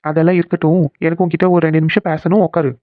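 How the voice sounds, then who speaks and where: A bossy but caring young man in a cartoon, as a voice actor puts him on, talks fast as he coaxes and gently scolds a friend. The sound is tinny and phone-like, with no room around it. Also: mid-range voice, level tone, no room sound, natural voice. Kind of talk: cartoon voice acting.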